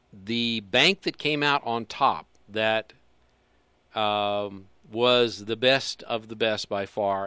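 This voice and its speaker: A man's voice: lowish voice, sharp tone, clean tone, no room sound. A man co-hosting a casual finance talk show, rambling and dryly sarcastic. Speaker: co-host.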